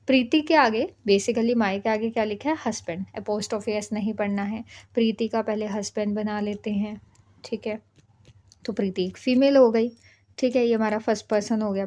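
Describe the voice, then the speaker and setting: An Indian woman leads an exam-prep reasoning lesson, patiently explaining step by step and repeating "ठीक है" ("okay") to check understanding. Her voice is a little high with a darkish tone.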